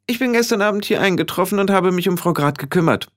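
A man's voice: high voice, lively intonation, quick pace, pitched above the performer's own voice. A man doing a stern old witch. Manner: firm, clipped commands. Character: stern old female witch, sharp and commanding. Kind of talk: audiobook reading.

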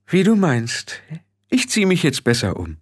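Ein Mann spielt eine fürsorgliche, geschäftige ältere Dorfhexe mit betulicher, fröhlicher Art. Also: male voice, fairly high pitch, wildly swooping pitch, measured pace, slightly rough, pitched above the performer's own voice, exaggerated voice. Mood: fussy, cheerful. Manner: fussy, cheerful. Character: caring older village witch woman, busy and cheerful.

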